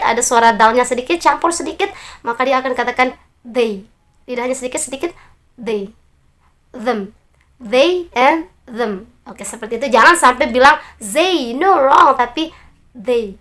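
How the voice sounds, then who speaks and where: A woman with an Indonesian accent teaching a beginners' English lesson, friendly and encouraging, drawing out her example words slowly. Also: high voice, bright, forceful tone. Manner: slow, drawn-out model pronunciations; friendly and encouraging, addresses learners directly.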